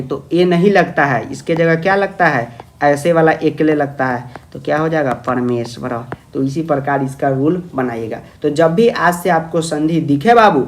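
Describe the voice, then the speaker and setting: A man's voice: on the high side, slight background noise. A young man teaching grammar in an online lecture, affectionately calling students "babu" and asking their questions himself.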